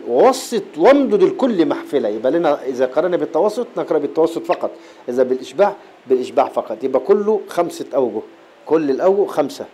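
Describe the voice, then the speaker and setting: In a classroom lecture, a man with an Egyptian Arabic accent teaches Quran recitation, explaining patiently, repeating key terms, and slipping into slow chanted verse. His voice sits a little high with a darkish tone, and there's a faint hiss or hum.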